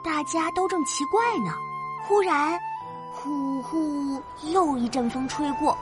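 A woman telling a children's story as a mother, playful and animated, with sound words. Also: sits high, slow pace. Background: children's background music.

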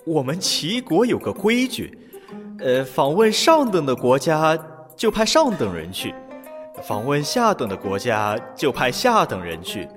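A man voicing a short, witty and unflappable ancient envoy in a children's story audio drama, speaking calmly with drawn-out, measured pauses. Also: a little high, in a large hall, soft background music, pitched above the performer's own voice. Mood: feigned reluctance.

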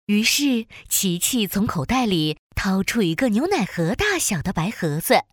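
A woman narrator reading a scripted children's story in an animated storytelling style. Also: medium pitch, a little slow, dry recording, studio quality.

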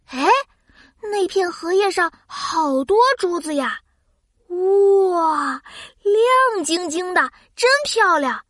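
A cheerful little child who hosts a children's science cartoon. The voice is very high and bright, with a dry, close sound. It is childlike, curious and full of wide-eyed exclamation. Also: female voice, animated, slow, no echo, exaggerated voice. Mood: amazed, curious.

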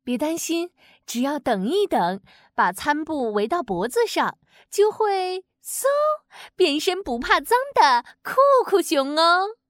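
Woman doing a storybook mom, caring, cautious, very high-pitched, dry close sound. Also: lively intonation, slow, dry recording. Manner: gentle and warning, bright and lilting.

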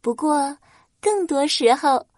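A woman's voice: high voice, lively intonation, slow, darkish tone, dry recording, studio quality. A woman reading a scripted children's story as its narrator.

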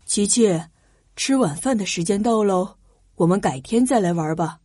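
Storybook dad, patient and gentle, lowered mellow husky voice, read by a woman. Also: lively intonation, moderate pace, no echo, clean studio sound. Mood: coaxing. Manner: gentle, explaining. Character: patient cheerful father, adult man. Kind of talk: children's storybook narration.

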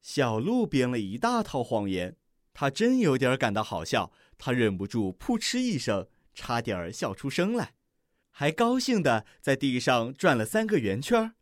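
A storyteller reads a children's tale aloud with lively, expressive delivery. The pitch swings a lot as the story unfolds. The recording is close and dry. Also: normal speed, no echo.

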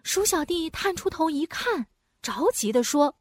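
A woman narrating a children's storybook in an animated, sing-song way, with playful sound words. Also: extremely high pitch, measured pace, no echo, clean studio sound.

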